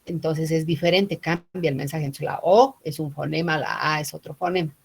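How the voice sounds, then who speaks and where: A linguistics teacher gives an online phonology lecture, explaining patiently and filling her speech with fillers and many "¿no?" tags. Her low voice is gravelly with a breathy edge, fairly even in intonation and at a moderate pace, and the recording is rough.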